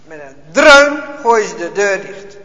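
A man telling a children's Bible story in an expressive, dramatic way, with small hesitations. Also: sits high, measured pace. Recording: echoey hall, dull lo-fi sound.

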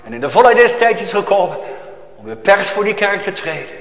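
Fervent preacher in an echoey church. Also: male voice, high-pitched, sing-song. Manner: fervent preaching with hushed, drawn-out passages. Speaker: pastor. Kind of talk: sermon.

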